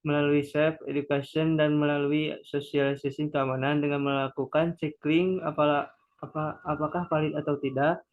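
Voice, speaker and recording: A man's voice: a little high, level tone, moderate pace, narrow, tinny audio. A man reading a class presentation on computer security aloud, stumbling and restarting often as he reads from notes. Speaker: student presenter.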